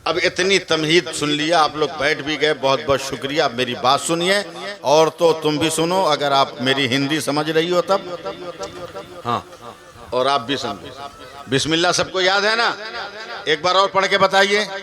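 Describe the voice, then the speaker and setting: A man from West Bengal preaching a religious sermon at an open-air gathering, talking slowly, repeating himself, quizzing the crowd and joking between points. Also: fairly high pitch. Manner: slow, repetitive, asks the crowd questions, joking asides. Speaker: Islamic preacher. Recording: live sermon over loud crowd noise.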